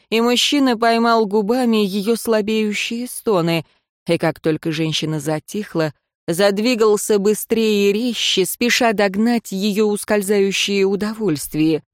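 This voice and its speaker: A woman with a mid-range voice narrates an audiobook in an even, measured reading of scripted text. The recording is dry and studio quality.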